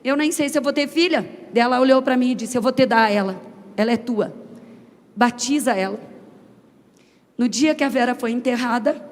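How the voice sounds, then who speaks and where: A woman giving an emotional personal testimony, telling a family story and acting out the voices she quotes. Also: a little high. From Brazil. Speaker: testimony speaker. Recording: long hall reverb.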